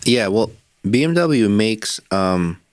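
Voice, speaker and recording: A man's voice: on the low side, expressive, takes it slowly, dry recording. A man co-hosting a casual podcast, telling a long story with profanity and frequent laughs. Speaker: podcast co-host.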